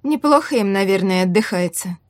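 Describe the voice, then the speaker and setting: A woman's voice: medium pitch, animated, a little fast, no room sound, clean studio sound, close to an everyday voice. A woman voicing a tired young female cadet who speaks in a subdued way, in an audiobook. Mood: weary.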